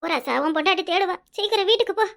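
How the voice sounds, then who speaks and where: Cartoon village mom, southern tamil twang, super high shrill voice, wails and guilt-trips her son. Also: lively intonation, racing, creaky, a bit bright, heavily acted. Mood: pleading, reproachful. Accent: southern Tamil Nadu village dialect. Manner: wailing, reproachful pleading. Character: aging village mother, grief-stricken and scheming. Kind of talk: cartoon voice acting.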